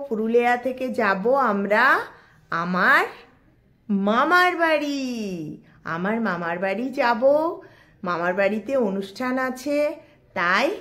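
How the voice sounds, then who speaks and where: A woman's voice: on the high side, a bit bright, no room sound. A woman in her thirties chatting to viewers as she films her family on a car trip, pointing things out as she goes. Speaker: vlogger and mother. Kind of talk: casual family travel vlog. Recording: phone video with car noise. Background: car and road noise.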